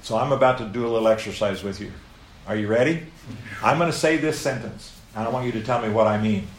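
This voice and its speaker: Before a live audience, a middle-aged preacher from the United States delivers a sermon full of animated storytelling and playful asides. He speaks at a quick pace in a lowish voice, recorded in an echoey room with faint background noise.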